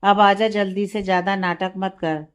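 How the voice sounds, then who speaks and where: A woman's voice: mid-range voice, level tone, normal speed, clear, resonant tone, lightly acted. A woman voicing a bossy mother scolding her sons. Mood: scolding coaxing. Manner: bossy, coaxing.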